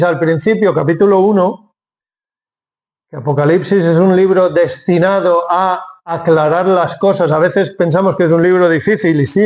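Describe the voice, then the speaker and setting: A man's voice: high voice, a little mellow. A man preaching a sermon from Spain, explaining step by step and asking then answering his own questions.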